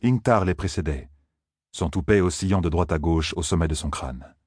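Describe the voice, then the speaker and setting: A man narrating a fantasy audiobook in a steady, measured storytelling voice. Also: sits low, breathy edge, no room sound, studio quality.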